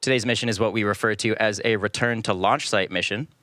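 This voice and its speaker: Male launch host, lowish pitch, very dry studio-like sound, measured live explainer delivery. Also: steady tone, pushed and bright, no room sound.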